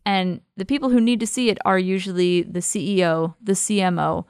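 A woman's voice: fairly low pitch, steady tone, a little fast, darkish tone, clean tone, no echo, clean studio sound. A woman co-hosting a podcast in casual chat, upbeat and laughing often. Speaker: podcast co-host.

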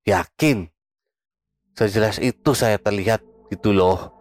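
A man voicing a grinning male demon spirit that taunts, in a low teasing voice. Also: unhurried, close to an everyday voice. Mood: mocking.

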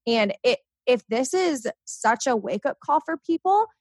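A young woman in casual conversation, upbeat and animated, talking with lots of fillers. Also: sits high, a little slow, no echo. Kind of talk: casual chat.

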